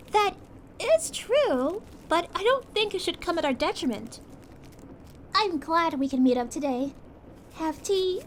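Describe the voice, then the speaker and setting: A woman voicing a sweet, caring young princess in a calming roleplay, speaking to a friend in a gentle, reassuring, chatty way. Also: extremely high pitch, a little hiss or hum. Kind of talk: calming ASMR audio roleplay.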